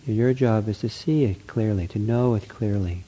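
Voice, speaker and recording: A man leading a guided mindfulness meditation, speaking gently in short, unhurried phrases with an accepting, reassuring counselor's manner. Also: on the low side.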